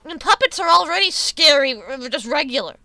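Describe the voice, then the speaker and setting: A woman's voice: high voice, animated, a little fast, over music. A woman chatting casually on a live stream, rambling, swearing freely and laughing often, with a runny nose.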